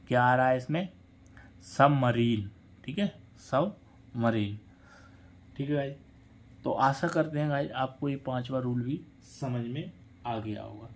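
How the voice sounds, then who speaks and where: A man teaching English pronunciation. He talks patiently, repeats each word and spells it out letter by letter. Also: mid-range voice. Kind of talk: spelling lesson, letters read out slowly.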